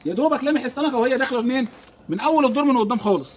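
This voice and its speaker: A man with an Egyptian accent giving an animated outdoor fishing lesson, talking straight to the viewer. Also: very high voice, racing, slight background noise. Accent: Egyptian Arabic. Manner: animated, instructive, talks to the viewer. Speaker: fishing vlogger. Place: outdoors by the water.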